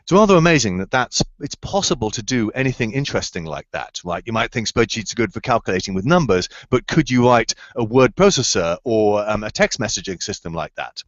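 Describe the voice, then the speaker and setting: Expressive and a little fast, with hardly any pauses, a man with a lowish voice enthusiastically answers students over a video call. He hunts for words with fillers and restarts, and the recording is dry and slightly dull.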